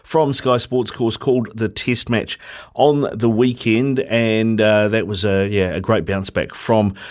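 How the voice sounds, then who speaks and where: A man's voice: fairly low pitch, fairly even intonation, measured pace. A New Zealand man hosting sports talkback, chatting casually and colloquially in a matey way on a studio mic. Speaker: sports talkback radio host. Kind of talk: casual live radio chat. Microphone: radio studio mic.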